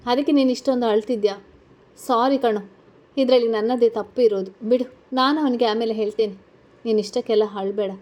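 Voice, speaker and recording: A woman's voice: a little high, fairly even intonation, fairly quick, darkish tone, close to an everyday voice. A woman voicing a confident, glamorous young female model student in a read-aloud story, talking in a breezy, assured way. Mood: apologetic. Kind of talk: storybook character reading.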